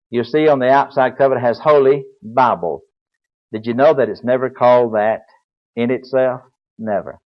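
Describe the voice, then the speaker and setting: An older man preaching a Bible lecture, explaining in a folksy way and spelling words aloud. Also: mid-range voice. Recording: dull lo-fi recording.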